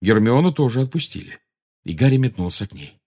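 A man narrating an audiobook with steady, dramatic storytelling. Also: mid-range voice, a little fast, husky. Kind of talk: scripted narration.

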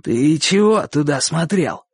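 A man voicing a hoarse, suspicious boy bully who mocks and shouts. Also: a little high, lively intonation, measured pace, no echo, studio quality, voice pushed up, heavily acted. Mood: mocking. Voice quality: hoarse, wheezy. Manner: mocking, shouting.

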